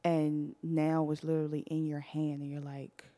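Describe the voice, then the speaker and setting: Brief: young woman host, low voice, animated storyteller who laughs through the story. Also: normal speed. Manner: animated, laughs often while telling the story. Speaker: podcast host. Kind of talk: casual storytelling to a live audience.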